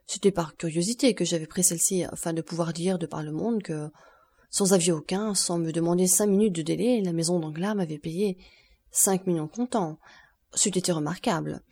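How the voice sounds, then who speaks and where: Une femme jouant un comte calme et ironique. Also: female voice, lowish voice. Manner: calm, measured and dryly impertinent. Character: cool, ironic, self-assured male count.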